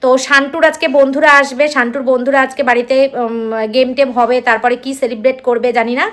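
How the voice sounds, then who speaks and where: A woman's voice: sits high, little pitch movement, fast talker, fairly bright tone. A middle-aged woman from West Bengal with a Kolkata Bengali accent, chatting casually to her viewers in a home vlog from her kitchen, repeating herself often. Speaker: vlogger.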